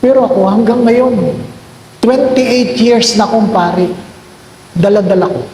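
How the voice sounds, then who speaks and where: A middle-aged priest preaches in a high voice with slow, deliberate phrasing. He repeats his key lines for emphasis. The sound is roomy, with long church reverb and a faint hum of ambience behind him. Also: warm tone. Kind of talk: sermon.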